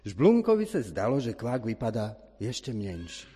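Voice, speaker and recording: Male preacher, husky, animated sermon delivery, big church reverb. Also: medium pitch. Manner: lively and animated, clears his throat now and then. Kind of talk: sermon with storybook reading.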